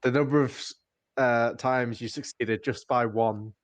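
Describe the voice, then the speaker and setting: A man with a medium-pitched voice takes part in a tabletop game as a player. He chats casually and describes his character's actions. The recording is very dry. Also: steady tone, a little slow, no room sound.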